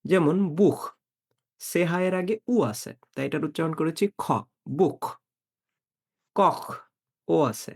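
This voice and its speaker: A man's voice: on the high side, gravelly. Patient man teaching German pronunciation. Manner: patient, repeats example words slowly. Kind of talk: explanatory lesson.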